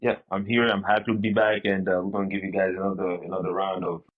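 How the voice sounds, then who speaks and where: A man's voice: sits low, flat delivery, quick pace, narrow, tinny audio. A man from Congo, a returning podcast guest, speaking in an upbeat, casual way.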